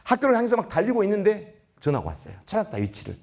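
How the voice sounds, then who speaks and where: Middle-aged guy lecturing, fast and lively, slightly husky, tells stories and plays every part. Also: high-pitched. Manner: animated, acts out dialogue. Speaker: lecturer at a principals' training. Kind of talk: storytelling lecture.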